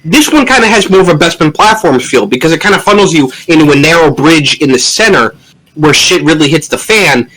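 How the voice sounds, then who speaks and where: A young man with a fairly high voice chats casually about games. His pitch swings freely as he talks, and his manner is animated and offhand. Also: brisk, low-quality recording. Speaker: guest. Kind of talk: casual gaming chat.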